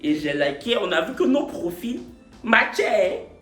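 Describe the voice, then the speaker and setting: Late at night and a little tipsy, a man tells his own love story to camera in a comic confessional vlog, theatrical and repetitive, playing with words. His voice sits high and sing-song, a little slow and sharp in tone, with reverb and faint music behind him.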